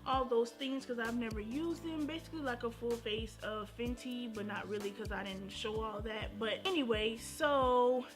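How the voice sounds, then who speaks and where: A woman's voice: fairly high pitch, normal speed. A young woman speaking with a slight lisp from wearing a retainer, chatting casually in a sassy, playful, slangy way as a beauty vlogger reviewing makeup. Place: indoors at home. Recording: music playing behind the voice.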